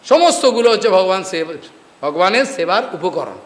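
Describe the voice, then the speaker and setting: A man's voice: high-pitched, big pitch swings, normal speed. A man from West Bengal giving a devotional sermon, often asking his listeners rhetorical questions and chanting verses. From West Bengal, India. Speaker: preacher. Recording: echoey hall recording.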